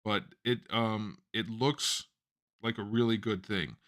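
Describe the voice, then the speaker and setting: A man hosting a casual live-stream chat, blunt and quick to laugh, thinking aloud with plenty of fillers. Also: fairly low pitch, steady tone, fairly bright tone. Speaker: host.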